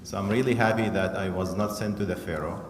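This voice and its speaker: A middle-aged man from Syria speaks earnestly at an interfaith dinner, his fairly low voice carrying through a large echoing banquet hall. Faint room noise sits behind his measured speech and its occasional restarts. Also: steady tone. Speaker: council chairman, featured speaker.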